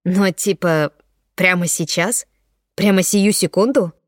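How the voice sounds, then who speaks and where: Speaking slowly in a lowish voice, a woman plays a distraught young man who pleads and sobs. Her delivery is tearful and insistent, and the close, dry recording has no echo.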